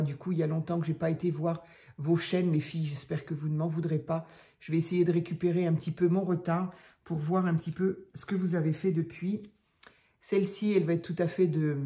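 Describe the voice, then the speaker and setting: An older woman casually showing craft tags to her viewers, talking softly and chattily with many hesitations. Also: lowish voice. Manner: chatty, soft-spoken, hesitant with fillers. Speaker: craft channel host.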